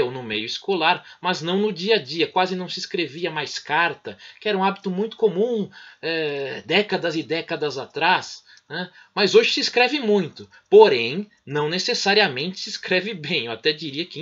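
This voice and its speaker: A man's voice: fairly high pitch, a bit bright, dull audio. A middle-aged man with a Brazilian Portuguese accent explains grammar in a recorded online lesson, checking in often with the listener. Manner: explanatory, frequent "né?" and "certinho?" check-ins. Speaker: teacher.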